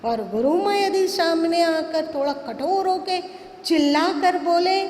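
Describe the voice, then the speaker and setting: A woman's voice: very high-pitched, measured pace, darkish tone, slight background noise. A woman spiritual teacher giving a devotional sermon, telling a sacred story in a dramatic, emphatic way. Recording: long hall reverb.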